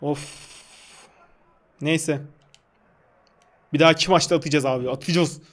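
A young man doing casual gameplay commentary on a football game, excitable, yelling and swearing at his player. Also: fairly high pitch, a little slow. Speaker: gaming YouTuber.

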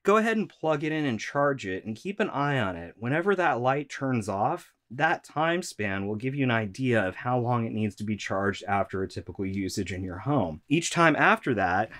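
Working from a shop workroom, a slightly allergy-congested man walks through practical vacuum maintenance in a conversational, instructive way. His voice is mid-range and fairly bright, recorded dry at studio quality.

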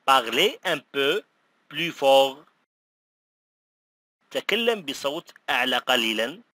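Crisp, bright man reading lesson phrases. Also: medium pitch, very animated, no echo. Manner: says each phrase twice, slowly and clearly. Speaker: language teacher.

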